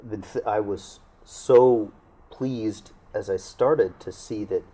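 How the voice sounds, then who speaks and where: A man, a local government official in a studio panel conversation, speaking earnestly and haltingly with many restarts. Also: on the low side, dark tone. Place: small TV studio.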